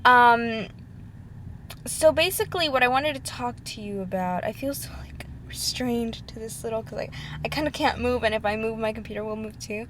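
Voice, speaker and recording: Sitting at her home computer, a vlogger of about twenty from Ecuador chats heartfeltly to her laptop webcam, wandering through her thoughts with plenty of likes and ums. The webcam mic picks up a slightly bright, somewhat high voice at a moderate pace, plus a little hiss or hum.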